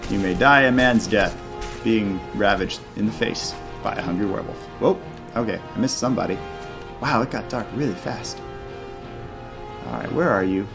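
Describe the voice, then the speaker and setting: A man's voice: lowish voice, moderate pace, gravelly, over music. A man hosting a gaming channel, giving chatty mod showcase commentary and thinking aloud as he plays. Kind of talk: casual video game mod showcase commentary.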